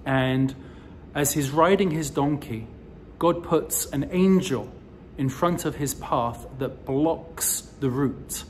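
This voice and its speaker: A man in his forties giving a recorded sermon as a rabbi, telling the story slowly with emphatic rises, filmed close up on a phone indoors. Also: a little high, slight background noise. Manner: slow, deliberate storytelling delivery with emphatic rises. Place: indoors in front of a decorative wall. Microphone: phone or camera close to the face, selfie framing.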